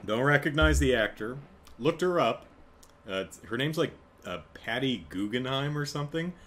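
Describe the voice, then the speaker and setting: A man's voice: mid-range voice, lively intonation, moderate pace, a bit bright, a little hiss or hum. A man casually recapping a TV episode, rambling with many fillers and chuckling asides. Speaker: TV episode reviewer.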